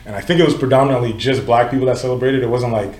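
Here a Nigerian man in his twenties hosts a relaxed group podcast, talking very fast in a steady, slightly mellow, medium-pitched voice. The space is reverberant, and he works through ideas conversationally, often self-correcting and saying "you know what I'm saying."

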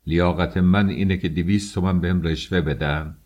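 A man reading an audiobook, voicing a pompous, short-tempered man posing as an inspector, scolding in a low voice. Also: steady tone, darkish tone. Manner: haughty, scolding.

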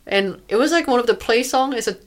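A woman's voice: fairly high pitch, animated, fast. A woman from South Korea, co-hosting a podcast in casual chat, talking in a chatty way with many fillers. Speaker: podcast co-host.

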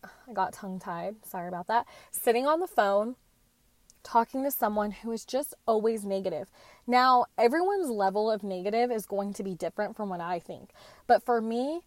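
Her pitch is medium and her pace normal as this late-twenties woman hosts a casual solo podcast. She's chatty and earnest, with slangy asides along the way. It's a dry recording.

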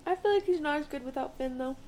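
A young woman speaks as a guest on a casual podcast in a fairly high voice with a gravelly rasp. She is chatty and argues her opinions readily. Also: quick pace, a little mellow, slight background noise. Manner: chatty, argumentative. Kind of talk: casual chat.

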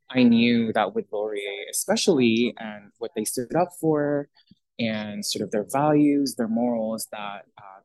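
A young Italian man who works as a social worker speaks as a podcast guest in casual interview talk. His mid-range voice is a little mellow with no echo, and he is thoughtful, using many fillers and restarts.

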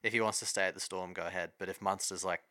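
A man's voice: low-pitched, fairly even intonation, fast talker, sharp tone, dry recording, studio quality. An Australian man co-hosting a sports podcast, chatting casually about rugby league in a blokey, slangy, opinionated way.

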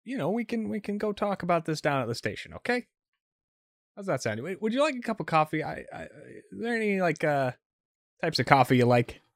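A man's voice: sits high, sing-song, fairly quick, no room sound, clean studio sound, pitched above the performer's own voice. A man playing a veteran city cop who stammers nervously and tries to talk his way out of trouble. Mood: coaxing. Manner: stammering, nervous then coaxing. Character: veteran male city cop, cuffed, fast-talking, wheedling.

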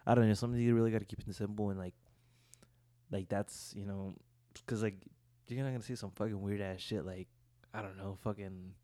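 A man's voice: fairly low pitch, fairly even intonation, brisk, mellow, no echo. A man chatting casually as a podcast co-host, rambling in slangy, profane talk peppered with "you know". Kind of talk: casual chat.

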